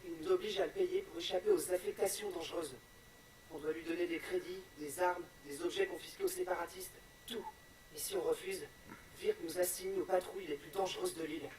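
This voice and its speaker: A man's voice: sits high, a little fast. An actor playing an anxious, deferential male soldier who pleads earnestly in a video game. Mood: aggrieved, anxious. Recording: slightly distant, crowd chatter behind.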